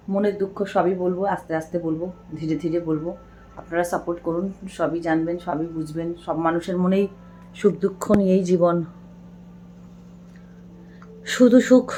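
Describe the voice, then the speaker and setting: Chatty woman, low voice. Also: a little mellow, a little hiss or hum. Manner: chatty, confiding, repeats herself. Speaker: lifestyle vlogger. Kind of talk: casual chat to viewers. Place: at home. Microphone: camera set far away.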